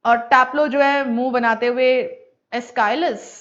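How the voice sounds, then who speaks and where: A woman's voice: sits high, a little slow. A woman teacher giving a lesson explanation, who explains each line plainly and mixes two languages. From India. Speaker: English teacher. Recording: dull lo-fi recording.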